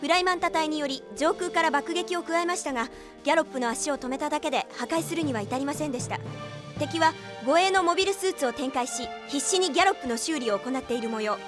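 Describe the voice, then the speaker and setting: A woman voicing a military operator in a game, briefing pilots in a formal, urgent way with a high voice. Strong music runs under her. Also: fast talker, lightly acted. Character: crisp female military operator giving orders.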